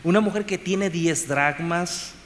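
Male preacher, expository sermon, emphatic and repetitive, fairly high voice, long reverb, faint hiss. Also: measured pace. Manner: emphatic, repeats phrases, swings between loud and soft.

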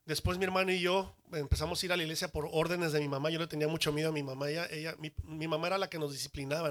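A man, a church worship leader, telling his personal conversion testimony in an animated way with humorous asides. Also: a little high.

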